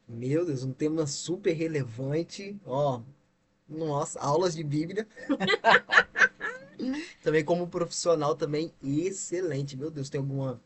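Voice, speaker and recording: A man's voice: fairly high pitch, measured pace, darkish tone. A man co-hosting a podcast reacts with gushing, exclamatory interjections. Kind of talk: casual chat. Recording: faint background noise.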